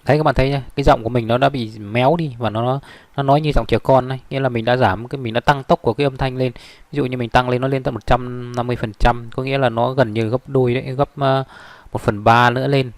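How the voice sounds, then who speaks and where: Quick-talking man with a gravelly voice. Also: mid-range voice, fairly even intonation, dry recording. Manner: rambling, many fillers and restarts. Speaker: software tutorial instructor. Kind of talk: screen-recorded tutorial.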